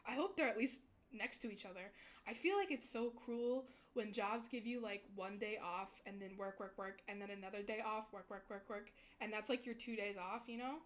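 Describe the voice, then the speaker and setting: A woman's voice: medium pitch, moderate pace. A young woman VTuber chatting casually with her stream viewers, rambling and giggling often.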